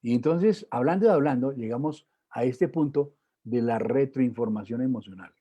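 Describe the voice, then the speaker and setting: A middle-aged man gives a public talk, relaxed and chatty. His voice is warm and mellow, with a faint huskiness. He keeps checking in with his listeners through short tag questions. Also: mid-range voice, moderate pace, dull audio. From Colombia. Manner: conversational, peppered with tag questions and fillers. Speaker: lecturer. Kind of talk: public talk on emotions and spirituality.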